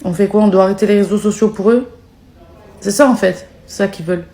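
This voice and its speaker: A woman's voice: mid-range voice, a little fast, warm tone. A young woman vlogging to her followers, exhausted and emotional, pleading in exasperation. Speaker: social media personality.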